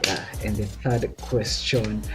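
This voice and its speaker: Over music, a young adult man from Kenya chats casually on his vlog in a lowish, steady voice at a slow pace. He keeps it loose and talkative, full of filler words.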